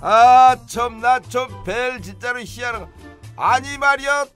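A middle-aged Jeju husband in a radio drama, speaking with a Jeju accent. His voice runs unusually high and bright, and he teases with quick exclamations. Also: faint music behind. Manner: teasing, exclamatory banter.

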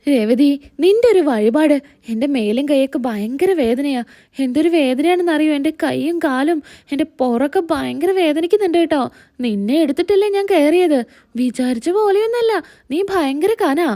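Woman voicing a grumbling young husband, teasing, slow, dry mellow sound. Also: high voice, expressive, dry recording. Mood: complaining. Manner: complaining, teasing.

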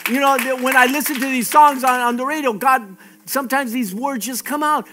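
A man's voice: very high voice, a little fast, bright, forceful tone. A man preaching a sermon as pastor, emphatic and exhorting, often repeating his phrases.

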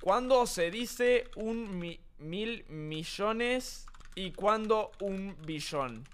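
Young male Argentine streamer, high voice, loud, jokey and exclamatory with chat. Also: extremely slow, very noisy. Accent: Argentine Spanish. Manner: animated, joking, exclaiming at chat.

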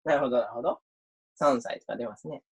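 A man's voice: medium pitch, fast, breathy edge. A university lecturer giving an online mock class, chatty and reading out viewer comments as he talks.

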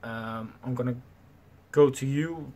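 A young man in his twenties casually telling a story to his camera, animated and swearing freely, acting out the people in it, recorded in a small bedroom on a desk webcam. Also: medium pitch, takes it slowly. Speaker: vlogger. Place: small bedroom with slanted ceiling, indoors.

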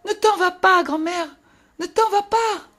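A woman voicing a poor, freezing little girl in a storybook reading, pleading in a high childlike voice. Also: unhurried, fairly bright tone. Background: faint music.

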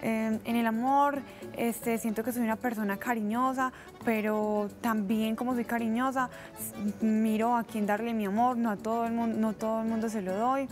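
A young Colombian woman of eighteen speaks with a Colombian accent in a slightly high voice. She talks calmly and thoughtfully, and music plays clearly underneath. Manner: calm, measured, reflective. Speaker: show contestant. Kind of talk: self-introduction to camera. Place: studio set with heart decorations. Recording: clean with music behind.

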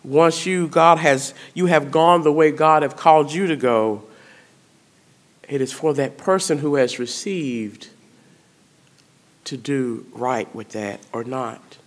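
Preaching from a church sanctuary, a middle-aged woman priest speaks in a low voice, taking her time. Her sermon is conversational, with questions put to the congregation, picked up by a stand mic in front of the pulpit.

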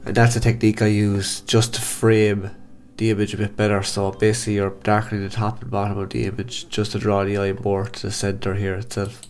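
A man with a blocked-up, nasal voice from hay fever, calmly talking through a software photo-editing tutorial step by step. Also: fairly low pitch, brisk, few pauses. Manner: calm step-by-step instructions. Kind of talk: screen-recorded software tutorial.

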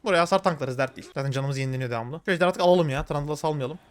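Male gaming streamer, high voice, very fast play-by-play commentary. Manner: rapid, excitable, slangy, talking to viewers. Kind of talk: live gameplay commentary.

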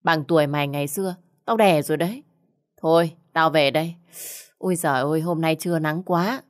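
A woman doing a gruff bossy old village woman. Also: a little fast, lightly acted. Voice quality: gruff booming voice. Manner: scolding, pushy. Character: fat fierce older village woman, loud and bossy.

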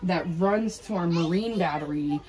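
A woman explains how things work on her property, talking casually and sprinkling in "like" and "you know" fillers. Her voice sits slightly lower than most women's, and she is recorded outdoors. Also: normal speed, darkish tone. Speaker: school owner giving a tour.

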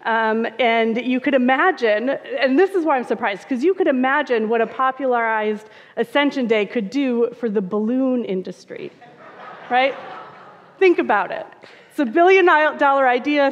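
A woman pastor giving a conversational sermon, with touches of humor and frequent "uh" fillers. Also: fairly high pitch. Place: church sanctuary. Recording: reverberant, dull church sound.

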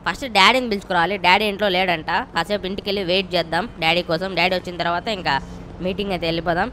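A woman's voice: fairly low pitch, steady tone, racing, a bit bright, slight background noise. A young woman giving casual, rowdy, playful gameplay commentary and swearing freely. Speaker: gaming channel host.

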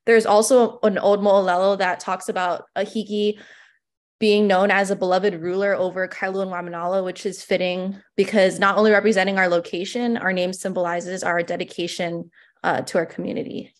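A woman's voice: medium pitch, level tone, moderate pace. A woman in her twenties from Hawaii, a small farm owner giving a conference presentation over a video call, talking casually with many fillers. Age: 20s.

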